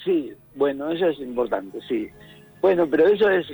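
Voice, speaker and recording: A middle-aged Rioplatense-accented man talks casually as a radio columnist over a phone line, with faint music in the broadcast. His slightly high voice is gravelly, dark and breathy, with lively intonation at a moderate pace, and the audio is rough. He reflects as he goes, searching for words and humming rhythms from time to time.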